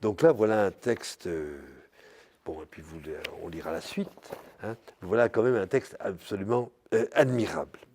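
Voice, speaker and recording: An older man, a priest, giving a spiritual lecture in a slow, searching way, full of pauses and filler words like "hein" and "euh". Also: lowish voice, a little mellow. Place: parish hall or church.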